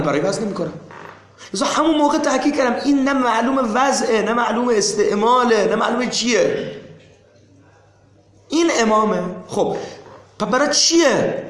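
A man's voice: very high-pitched, echoey room. A man teaching a seminary class, explaining insistently and repeating his points.

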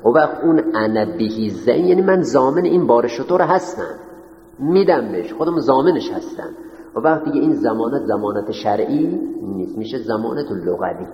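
A man with a mid-range, animated voice lectures a class, dictating notes and posing questions to his students before answering them himself. The lo-fi audio sounds dull, captured in a roomy, echoing hall.

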